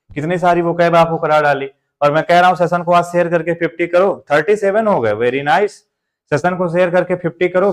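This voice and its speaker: A man with an Indian accent teaching English grammar in a live online class, joking through memory tricks and reading out viewers' names. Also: fairly high pitch. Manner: jokey mnemonic explanations, reads out viewer names; motivational.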